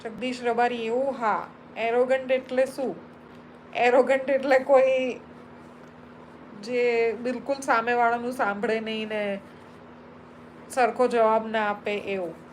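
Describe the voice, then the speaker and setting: A woman's voice: on the high side, fairly even intonation, measured pace, pauses often, slight background noise, low-quality recording. A Gujarati woman hosting a live stream, chatting casually as she reads viewer comments aloud and answers them one by one. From Gujarat, India.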